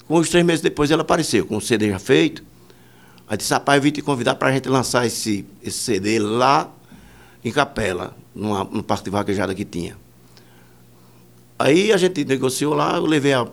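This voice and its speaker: A musician and producer with a gravelly, medium-pitched male voice tells rambling anecdotes during a casual interview. His talk is packed with fillers and quoted dialogue.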